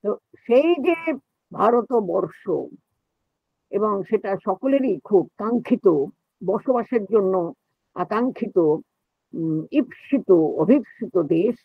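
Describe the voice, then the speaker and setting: A man's voice: high voice, dry recording. A man giving an explanatory lecture as the teacher of a reading class, asking rhetorical questions as he goes. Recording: dull, muffled lo-fi sound.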